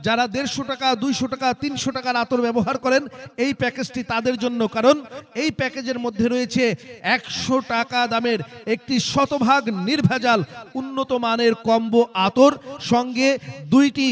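A man with a strikingly high-pitched voice and a Bangladeshi accent works through a hard-sell advertisement. He announces like a street promoter, repeating the offer insistently and pressing listeners to buy. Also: little pitch movement, normal speed, fairly bright tone. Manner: insistent, repetitive sales pitch urging listeners to hurry. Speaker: sales announcer for a promotional vehicle.

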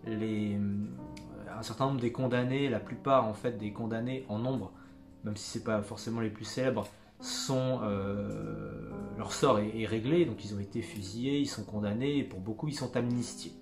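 A man giving a casual spoken book review, pausing often and restarting his sentences. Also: lowish voice, steady tone, over music. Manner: hesitant, many fillers and restarts; jokes about his own English accent.

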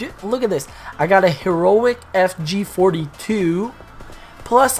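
A young man giving casual, slangy commentary while opening loot in a video game, excitable and rambling. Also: on the high side. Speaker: gaming YouTuber.

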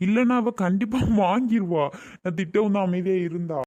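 A man's voice: sits high, a little fast, a little mellow, highs cut off, natural voice. A man playing a young husband and father who talks insistently and repeats himself. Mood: defensive. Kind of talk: family skit acting.

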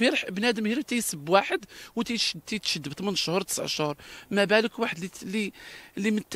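A man's voice: high-pitched, a bit bright, no room sound. A man with a Moroccan Darija accent, speaking in an interview with emphatic, repetitive talk and frequent restarts.

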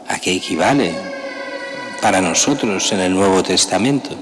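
An older man, a priest, preaching a homily at a lectern in a large church, with a conversational, emphatic way of talking and pointed rhetorical questions. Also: low-pitched. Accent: Spanish. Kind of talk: sermon. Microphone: gooseneck lectern mic. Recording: long church reverb, faint hiss.

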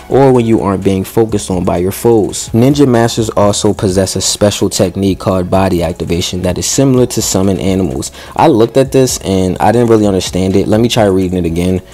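Reading update notes for a game out loud, a gaming YouTuber with a deep voice adds his own commentary. He tosses in excited slang between sections and often trips over the text and starts over.

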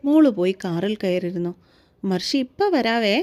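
A woman voicing a hot-tempered, protective young man in a read-aloud story, shouting in anger and cooing softly to a child. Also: medium pitch, animated, normal speed, natural voice. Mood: tender. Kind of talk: audiobook story reading.

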